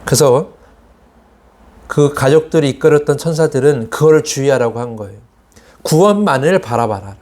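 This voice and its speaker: A pastor delivers a Sunday sermon in a medium-pitched, slightly mellow voice at a normal pace, animated but with long pauses. He asks the congregation rhetorical questions and acts out quoted complaints in a raised voice.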